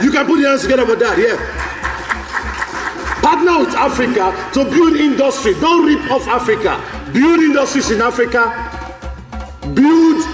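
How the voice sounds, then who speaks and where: A man giving a rousing speech to a live audience at a forum, repeating lines and calling out to the crowd. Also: extremely high pitch. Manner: exhorting, repetitive, calls out to the crowd. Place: large hall at a live forum. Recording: echoey hall, voice from a distance.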